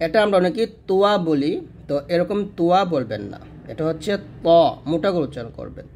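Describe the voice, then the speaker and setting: A man's voice: a little high, sing-song, creaky, a little mellow, a little hiss or hum. Patient man teaching letter sounds. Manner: drawn-out, demonstrative letter sounds repeated slowly; patient, explanatory. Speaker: Quran reading teacher. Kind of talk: step-by-step pronunciation lesson.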